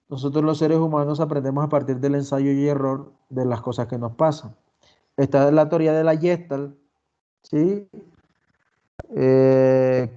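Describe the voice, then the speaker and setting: A man's voice: fairly high pitch, warm tone, lo-fi sound. A man giving a university lecture over a call, explaining and questioning the class.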